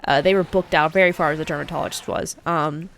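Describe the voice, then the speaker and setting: A woman's voice: low-pitched, fairly even intonation, quick pace, fairly bright tone, slight background noise. A young woman casually chatting while playing a video game, rambling and swearing freely. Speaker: let's play streamer. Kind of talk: casual gameplay chat.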